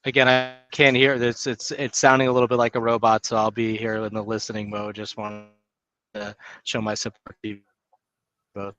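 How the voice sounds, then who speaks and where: A man's voice: on the low side, level tone, normal speed, fairly bright tone. A man joining a video call briefly and politely, his voice coming through distorted and robotic. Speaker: guest partner joining briefly.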